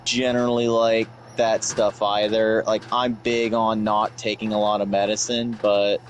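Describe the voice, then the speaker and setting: A man's voice: lowish voice, little pitch movement, measured pace, slight background noise. A man chatting casually with a friend while playing video games.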